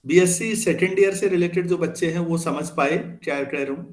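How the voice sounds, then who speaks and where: A male teacher lectures his class in an easy, conversational way and keeps asking whether the students follow. His voice sits a little high. The classroom gives it a noticeable echo. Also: a little fast. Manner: conversational, asks students questions. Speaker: math teacher.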